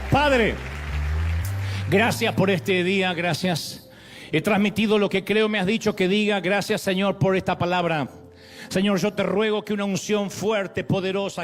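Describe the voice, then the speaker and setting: A man preaching a sermon, telling stories and then praying and urging his listeners on with rising fervor. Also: high voice. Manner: storytelling, building to fervent exhortation. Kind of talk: sermon and spoken prayer.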